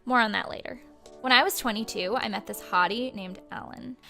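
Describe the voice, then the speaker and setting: A woman's voice: on the high side, fairly quick, vocal fry, bright, forceful tone, soft background music. Woman playing Lenore, a flippant ghost vlogger. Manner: valley-girl slang, breezy and flippant. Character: bubbly slangy young woman ghost vlogger. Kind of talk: comic vlog monologue.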